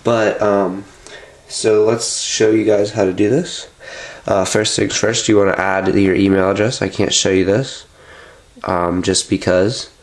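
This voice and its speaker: Congested from a cold, this young tech tutorial host speaks on the low side with little pitch movement and a measured pace. He guides viewers through a how-to step by step, chatty and loose, with plenty of fillers, filmed indoors at home on a nearby camera.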